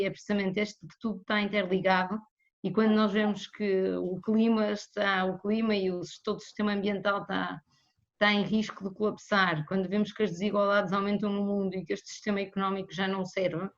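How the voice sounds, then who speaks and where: Woman, European Portuguese accent, interview guest, flat intonation, muffled lo-fi sound. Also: medium pitch, brisk. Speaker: guest speaker on economics. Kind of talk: conversational interview answer. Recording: slightly muffled lo-fi audio.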